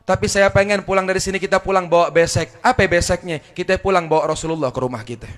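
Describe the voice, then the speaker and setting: A high-pitched man preaches with fervent, rhetorical repetition, and his prayers swell into a chant. He speaks through a PA microphone, and a long reverb trails his voice around the hall. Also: quick pace. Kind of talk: sermon and prayer. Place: Islamic religious gathering hall.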